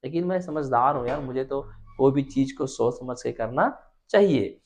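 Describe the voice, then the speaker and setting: A man's voice: mid-range voice, expressive, normal speed, gravelly, darkish tone. A man teaching English vocabulary to a class, explaining words with everyday examples and putting questions to his students.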